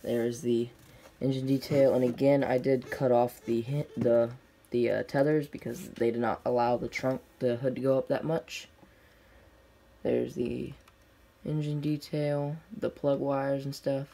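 A man's voice: medium pitch, level tone, a little slow, creaky, warm tone. A young man giving casual unboxing video commentary in plain, unscripted, short clipped phrases. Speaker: diecast collector reviewing on camera. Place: indoors at a tabletop display. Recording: noisy home recording with clicks.

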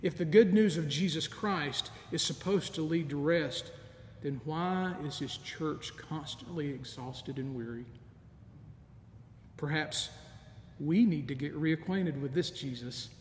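Speaking from the lectern of a large, deserted church sanctuary, a middle-aged deacon preaches with measured earnestness and a few soft laughs. His voice goes into a stand mic in front of him, the camera sits well back, and the recording is full of echo, long reverb, and a low, faint rumble.

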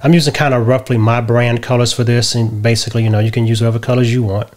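Man talking through a software tutorial. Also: mid-range voice, fast talker. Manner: relaxed step-by-step explaining, tags lines with "right?". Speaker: tutorial host. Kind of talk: screen-share software tutorial. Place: home office, indoors.

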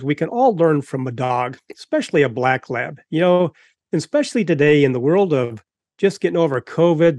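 A man in his fifties introduces his podcast with enthusiasm over a video call from home, earnest and rambling, often starting his sentences over. His voice is fairly high-pitched with a darkish tone, and the recording is dry.

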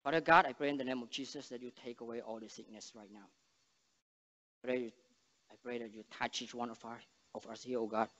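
A young man from Cambodia, speaking English with a Cambodian accent, gives an earnest church sermon and prayer, with halting phrasing and frequent restarts. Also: mid-range voice, fairly even intonation, a bit bright. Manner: earnest, halting non-native English with restarts and emphatic rises. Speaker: missionary speaker. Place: large church sanctuary stage. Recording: long church reverb, dull sound.

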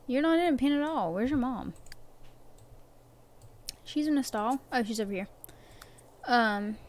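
A young woman with a Southern American accent giving casual let's-play commentary, chatting to the game characters as she plays. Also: on the high side. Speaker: gameplay commentator.

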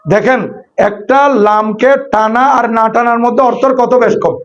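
A man's voice: very high voice, steady tone, normal speed. A man with a Chittagonian Bengali accent giving an emphatic, explanatory sermon with recited Arabic phrases. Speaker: Islamic scholar and preacher. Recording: dull lo-fi sermon recording.

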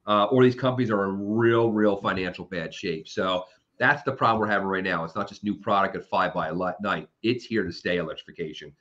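A man's voice: deep voice, a bit bright. Man analyst with a dull lo-fi sound. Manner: quick, thinking-aloud delivery with frequent restarts. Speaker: automotive industry analyst. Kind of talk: conversational interview answers.

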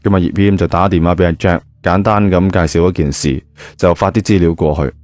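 A man with a Hong Kong Cantonese accent narrates an audio novel in a casual, colloquial style. His voice is low, steady and somewhat dark, and he talks fairly quickly. The recording has no echo.

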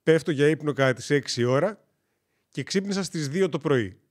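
A man's voice: on the high side, lively intonation. A man from Greece chatting casually on a gaming live stream, rambling and joking as he tells stories and corrects himself.

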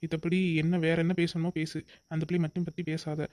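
A man's voice: fairly high pitch, little pitch movement, brisk, a little mellow, no room sound, close to an everyday voice. A man voicing a curt, dismissive young elder brother in a cartoon, speaking in a commanding way.

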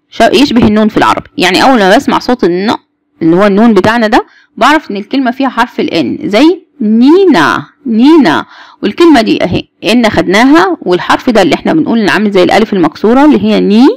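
A woman with an Egyptian Arabic accent walks a class through German letters at a brisk clip. Her voice has a gravelly, fry-tinged edge, recorded dry and close. She repeats each sound and keeps asking the students questions. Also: medium pitch, no echo. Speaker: German teacher. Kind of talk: Egyptian Arabic alphabet lesson.

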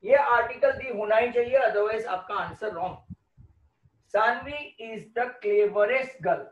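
Slow, high-voiced Indian grammar teacher. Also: male voice, a little hiss or hum. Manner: slow, explaining, asks the class questions then answers them. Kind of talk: classroom grammar lesson in Hindi and English. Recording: roomy, distant, dull lo-fi sound.

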